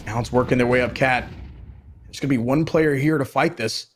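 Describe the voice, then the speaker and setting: Male esports caster for live analysis, mid-pitched, measured phrasing, slight noise behind.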